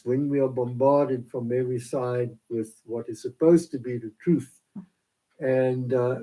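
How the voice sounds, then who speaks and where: A mellow, mid-range voice belongs to a South African man with Afrikaans as his first language. Seated at a laptop camera in his small home office, he gives a devotional talk that rambles and stalls, packed with fillers, over poor audio.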